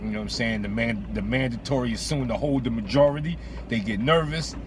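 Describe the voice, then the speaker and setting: This boxing host has a medium-pitched voice and talks fairly quickly, slangy and opinionated, repeating phrases for emphasis. The casual sports talk happens in or beside a vehicle against a noisy background.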